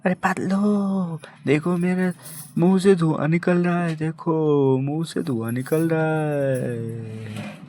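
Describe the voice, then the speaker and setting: An excitable chubby cartoon buddy, voiced by a man in an amateur dub, with a somewhat high voice. He talks slowly, stretching his exclamations and saying things twice. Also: a little hiss or hum. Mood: excited. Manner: exclaiming, repeating lines.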